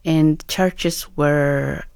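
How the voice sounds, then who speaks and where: Deep gravelly Ethiopian woman, hesitant. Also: fairly even intonation, a little mellow, no room sound, clean studio sound. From Ethiopia (Oromia). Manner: hesitant, many ums, measured. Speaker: guest, author and nonprofit founder. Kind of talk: radio interview.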